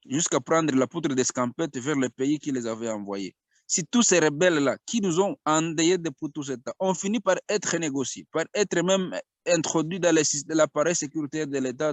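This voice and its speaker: A man from the Congo makes his case as a radio interview guest, earnest and argumentative, restarting phrases as he presses on. His voice sits a little high. The sound is dry and close, with no room around it. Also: no echo. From Congo (DRC).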